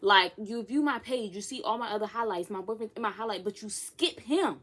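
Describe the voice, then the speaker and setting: A twenty-year-old woman vlogger chats casually in a get-to-know-me Q&A, her medium-pitched voice brisk and fairly bright. She comes across sassy and playful, slipping in whispered asides.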